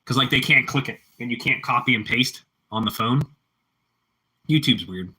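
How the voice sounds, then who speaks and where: On a low-quality recording with slight background noise, a Pittsburgh-accented man chats with live-stream viewers, rambling and repeating himself as he answers them. His voice is medium-pitched and sharp, moving at a moderate pace.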